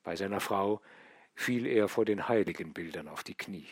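A man narrating a classic novel in a measured, even storytelling voice. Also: sits low, husky, no echo, studio quality. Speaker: audiobook narrator. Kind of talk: scripted literary narration.

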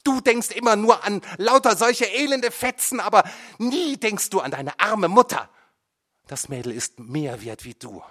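A hysterical mother screeches her accusations in a courtroom scene of a storybook reading, put on by a male narrator. The voice jumps far above his own and grows louder and wilder, sharp and shrill. Every line is an attack. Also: expressive, normal speed.

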